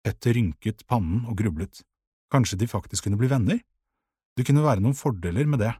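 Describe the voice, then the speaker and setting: A man narrating a children's audiobook in a calm, measured way, with a husky voice. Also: fairly low pitch, dry recording, clean studio sound.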